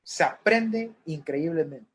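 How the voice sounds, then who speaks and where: A man's voice: fairly high pitch, animated, takes it slowly, breathy edge. A middle-aged man, a pastoral counselor, lecturing a class on grief in an earnest way, repeating key points and acting out what people say.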